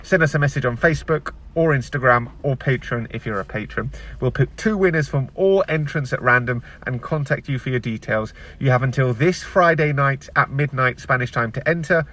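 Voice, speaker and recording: A man's voice: mid-range voice, a little fast, hardly any pauses, fairly bright tone. A man hosting a casual football podcast, recorded outdoors in a car park. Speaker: podcast host. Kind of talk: casual sports podcast chat.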